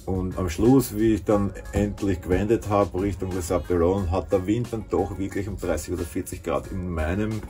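A man, vlogging casually about his sailing voyage from a small boat cabin, talking in a relaxed, chatty way with many fillers. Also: low voice, moderate pace, hardly any pauses, soft background music. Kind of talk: casual spoken vlog. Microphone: camera at arm's length.

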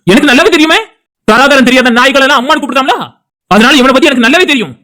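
A woman's voice: high-pitched, very fast, pushed and bright. A woman with a Tirunelveli Tamil accent voicing an angry husband in a cartoon, who scolds his wife in a heated, insulting way while defending his brother. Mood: angry scolding. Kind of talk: cartoon dialogue acting.

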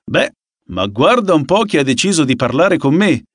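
A man's voice: on the high side, sing-song, moderate pace, no room sound, voice pushed up. Audiobook: sneering young tough, taunting and menacing; voiced by male reader, dry close read. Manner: mocking, taunting. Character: sneering menacing young man, hot-tempered.

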